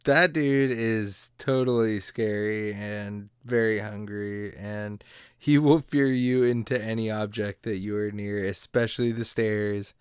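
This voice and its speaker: A man's voice: lowish voice, fairly even intonation, measured pace, clear, resonant tone, no echo, clean studio sound. Man, casual podcast co-host, upbeat, chuckling, clean resonant voice, no room sound. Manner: laughs often, upbeat. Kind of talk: casual gaming podcast chat.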